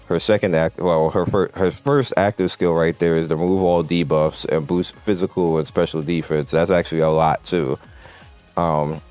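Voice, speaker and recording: Over background game music, this gaming video host talks in a low, darkish voice that sounds clear and resonant. His commentary is relaxed, wandering, and conversational.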